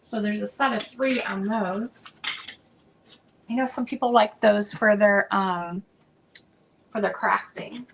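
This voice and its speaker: A woman selling vintage items, chatting casually and meanderingly as she unpacks, with plenty of fillers, and a voice that is going a bit hoarse. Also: medium pitch, steady tone, takes it slowly, pauses often, background noise. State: losing her voice. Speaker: vintage seller showing stock. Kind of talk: casual unboxing chat.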